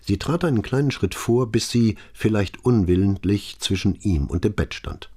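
A male narrator reading a crime novel aloud, his voice very low and dark. He reads with wide, lively melody and a husky, breathy grain. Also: moderate pace. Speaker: audiobook narrator. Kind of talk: scripted narration.

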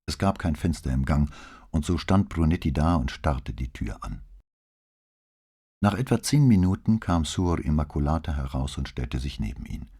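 A man narrating an audiobook in a measured, expressive storytelling manner. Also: a bass voice, breathy edge. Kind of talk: scripted narration.

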